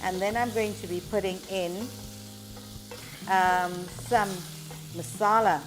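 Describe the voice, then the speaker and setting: A woman presenting a cooking demonstration, explaining each step instructively with frequent pauses. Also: medium pitch, steady tone, noisy background.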